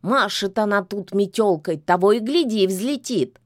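A woman's voice: mid-range voice, a little slow, no room sound, studio quality, lightly acted. Woman doing a grumbling fat lazy cat.

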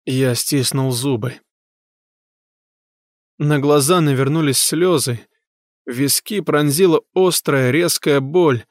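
A man's voice: a little high, dry recording, clean studio sound. A man narrating a novel in a tense, grave manner. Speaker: audiobook narrator. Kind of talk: scripted narration of a horror novel.

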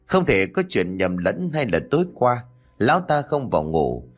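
A man's voice: on the low side, very animated, normal speed. A man narrating a spooky audiobook story, now and then voicing the characters' quoted lines. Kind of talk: scripted horror story narration.

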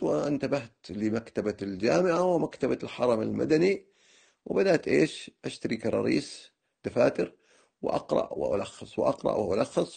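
Man, religious lecturer, quick delivery, husky and dark voice, digressive. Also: medium pitch. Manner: digressive, with frequent fillers and restarts. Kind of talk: first-person lecture recounting his studies.

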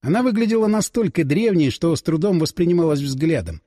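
A man narrating a first-person audiobook in a dramatic, expressive reading. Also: fairly high pitch, brisk. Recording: dry close voice with long reverb.

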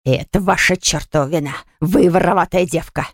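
A woman voicing a gruff, rude middle-aged male baker who blusters and snaps. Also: deep voice, fairly even intonation, moderate pace, no echo, studio quality. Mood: blustering. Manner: surly, blustering.

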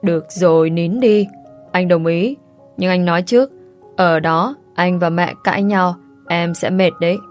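A woman voicing a gruff, blunt young husband with a curt, rough way of speaking, read in a storybook style. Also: fairly low pitch, unhurried, faint music behind, close to an everyday voice. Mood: grudging.

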